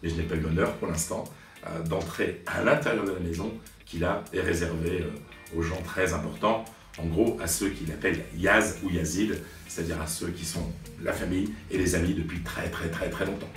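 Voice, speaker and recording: A man's voice: sits low, steady tone, moderate pace. A French man in his late forties, a sports journalist, recounting memories in a hesitant way with many fillers and restarts. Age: 40s. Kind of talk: reflective storytelling to camera. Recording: roomy sound from a distance, faint music.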